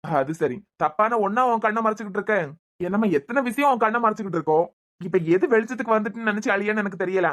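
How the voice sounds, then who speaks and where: Woman playing a fast-talking, nagging husband. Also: mid-range voice, a bit bright, lightly acted. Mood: scolding. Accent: Kanyakumari Tamil. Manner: scolding and impatient. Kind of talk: cartoon serial voice acting.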